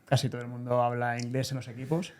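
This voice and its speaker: A man's voice: medium pitch, completely flat delivery, fast, slight background noise. Man, medium voice, eager, slangy, casual podcast chat. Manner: enthusiastic, slangy. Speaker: podcast co-host.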